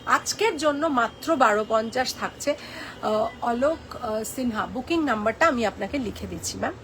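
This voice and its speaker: Woman, high voice, live-stream sales chat, playful and teasing, code-switching to English. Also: lively intonation, moderate pace, a bit bright, slight background noise.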